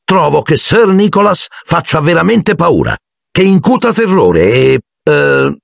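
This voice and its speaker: A flustered young schoolboy, played by a man reading the book, hurries his words out all in one breath. The voice is pitched high above the reader's own. The recording is dry and close. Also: very animated, a little slow, creaky, no echo, full character voice.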